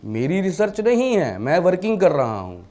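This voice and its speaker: A man's voice: high-pitched, huge pitch swings, normal speed, mellow. A man teaching a class, mixing English terms into his Hindi and asking the class rhetorical questions. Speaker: vastu teacher. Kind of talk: classroom lecture.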